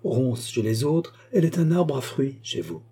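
A man's voice: mid-range voice, very animated, normal speed, mellow, breathy edge. A man voicing a queen who asks eager, gracious questions. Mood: curious. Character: curious, pleased female queen.

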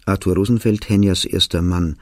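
A man voicing a grave, hesitant middle-aged father who speaks quietly and formally in a storybook reading. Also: sits low, steady tone, moderate pace, no echo, studio quality, natural voice. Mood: subdued.

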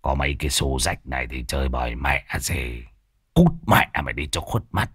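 A man's voice: sits low, big pitch swings, fairly quick, no room sound, studio quality, pitched below the performer's own voice, full character voice. A man voicing a bitter, foul-mouthed old gambler who grumbles and curses. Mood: grumbling angry. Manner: gruff cursing grumble.

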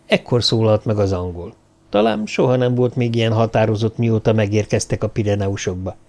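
A man reading a novel aloud as audiobook narrator, in a measured way. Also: on the low side, animated, gravelly, mellow. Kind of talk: scripted narration.

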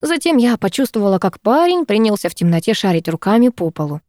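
A woman narrating a first-person novel aloud on a close mic, in a steady, absorbed storytelling manner. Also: mid-range voice, fast, no room sound. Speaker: audiobook narrator.

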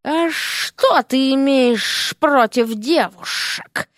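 A woman voicing a haughty snake-woman professor who hisses and drags her words out slowly. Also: sits high, dry recording, studio quality, voice pushed up. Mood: hissing. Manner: hissing, slow and drawn out.

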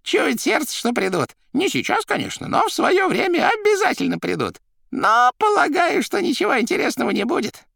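A man voicing a fawning male demon retainer in an audiobook, with a rattling, piping falsetto and an effusive, theatrical manner. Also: wildly swooping pitch, normal speed, creaky, a bit bright, no room sound, clean studio sound, exaggerated voice. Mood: knowing. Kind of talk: audiobook character voice.

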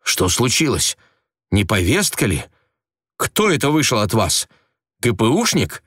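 A man's voice: mid-range voice, sing-song, measured pace, a bit bright, husky, no room sound, clean studio sound, pitched above the performer's own voice, full character voice. A man voicing a prim, matter-of-fact young woman in a storybook reading.

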